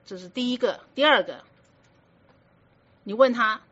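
This woman's voice sits on the high side, a bit bright and a little slow. She is a Buddhist teacher delivering a dharma talk, firm and instructive yet conversational, posing rhetorical questions to her listeners. The recording is muffled and lo-fi.

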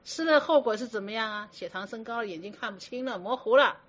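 A woman's voice: fairly high pitch, expressive, fast talker. A woman teaching a Buddhist sermon, often asking her listeners rhetorical questions. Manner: asks many rhetorical questions. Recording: dull lo-fi recording.

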